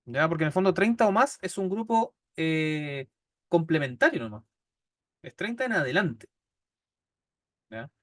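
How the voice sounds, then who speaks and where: This classroom lecture features a Chilean man teaching statistics in a slightly high, animated, somewhat bright voice. He is unhurried, pauses often, and explains step by step while patiently asking "¿ya?" over and over. Studio quality, with no room sound.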